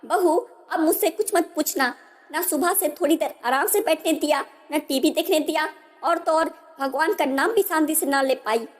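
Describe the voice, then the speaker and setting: A woman's voice: high-pitched, normal speed, lightly acted. A woman voicing a bossy, commanding middle-aged mother-in-law in a storybook tale. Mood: exasperated. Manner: commanding, scolding. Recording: long hall reverb.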